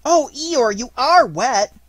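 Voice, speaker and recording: A man voicing a small, timid, excitable piglet in a storybook, exclaiming nervously. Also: very high-pitched, slow pace, no echo, pitched above the performer's own voice, exaggerated voice.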